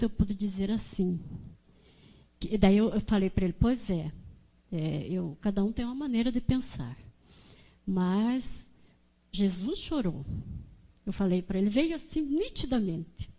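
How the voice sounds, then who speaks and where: Woman giving a church testimony, mellow voice. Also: medium pitch. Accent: Brazilian Portuguese. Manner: conversational, many fillers and restarts. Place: church hall.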